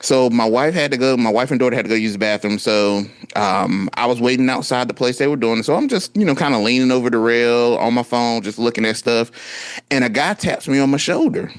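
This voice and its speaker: Podcast co-host, man in his thirties, mid-pitched, animated storyteller, dry close mic. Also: a little fast, smooth, no room sound. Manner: animated storytelling, acts out quotes. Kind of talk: casual chat.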